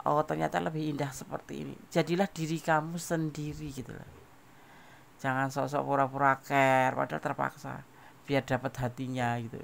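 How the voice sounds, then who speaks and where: A man's voice: fairly high pitch, gravelly, a little hiss or hum. A man giving a casual tarot general reading, talking straight to the listener and repeating phrases. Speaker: tarot reader.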